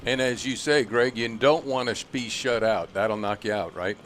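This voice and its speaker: A man's voice: mid-range voice, steady tone, normal speed, a loud crowd. A man hosting a live outdoor stream, easygoing and joking, plugging sponsors. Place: outdoor lakeside weigh-in.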